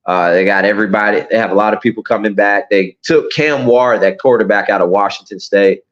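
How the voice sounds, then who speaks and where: A man's voice: on the low side, brisk. Laid-back man talking football, lo-fi. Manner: relaxed, hesitant, restarts often. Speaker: podcast co-host. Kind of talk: casual sports chat. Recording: dull lo-fi audio.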